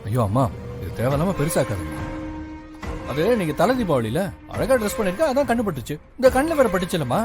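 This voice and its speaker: An actor playing a grown son who calmly brushes off his mother's worries, in a TV serial. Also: on the high side, quick pace, over music. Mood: reassuring. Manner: soothing, dismissive of worries. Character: calm reassuring grown son.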